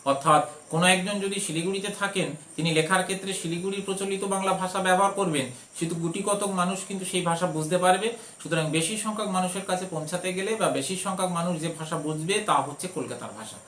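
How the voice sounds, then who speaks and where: High bright-voiced male teacher. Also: fast talker, roomy sound, slight background noise. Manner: explanatory, repeats points with frequent fillers. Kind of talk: explaining a school text.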